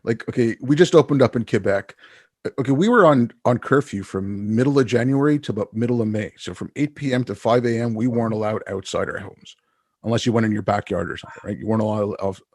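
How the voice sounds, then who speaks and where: A man's voice: lowish voice, fast talker, a little mellow, no echo, studio quality. A man hosting a podcast in casual conversation, wry and dismissive, leaning on fillers like "you know, like.". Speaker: podcast host.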